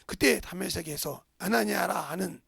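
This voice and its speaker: A middle-aged male pastor preaching a storytelling sermon, acting out voices and sometimes shouting. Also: high voice, moderate pace, vocal fry, husky, no echo, studio quality. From South Korea.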